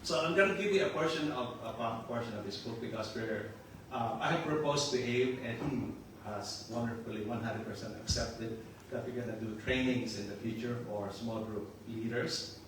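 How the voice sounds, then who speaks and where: Preaching loosely and with plenty of jokes and laughter, an older Filipino pastor with a touch of Australian in his accent speaks at normal speed with hardly any pauses. His mid-range voice is caught by a distant mic, echoing around a very reverberant room with constant hiss beneath.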